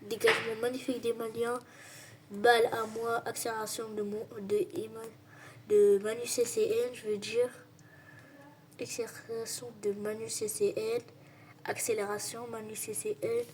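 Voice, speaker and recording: A woman with a fairly high voice plays a football video game and talks through every attempt. She keeps repeating her complaints, and every so often she drops into a mock sports-commentator delivery. A faint noise sits under her voice. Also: flat delivery, normal speed. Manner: frustrated, repeats complaints over and over. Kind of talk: casual gameplay commentary.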